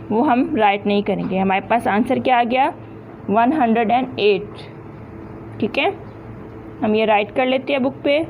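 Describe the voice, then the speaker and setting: A woman's voice: fairly high pitch, a little hiss or hum, poor audio. A woman teaching a math lesson, talking through each calculation step by step. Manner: steady step-by-step working through sums. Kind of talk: recorded online class lesson.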